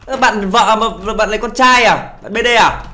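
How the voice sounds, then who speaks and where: A man's voice: high voice, normal speed, sharp tone. A young man hosting a gaming video, pleading and playfully self-pitying as he banters with teammates. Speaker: gaming channel host. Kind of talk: casual live commentary while playing.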